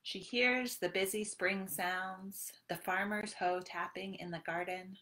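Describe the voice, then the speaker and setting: This woman in her thirties has a medium-pitched, sharp voice with fairly even intonation and an unhurried pace. Playing a librarian, she leads small children through storytime in a sing-song, encouraging style. Her home webcam in a small indoor room captures a roomy echo.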